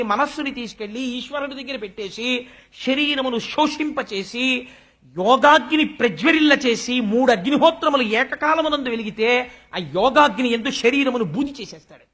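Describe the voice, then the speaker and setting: An older man giving a spiritual discourse, telling stories and acting out the voices of the people in them. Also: very high voice. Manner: animated storytelling, acts out quoted voices. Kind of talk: Telugu religious discourse. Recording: dull lo-fi recording.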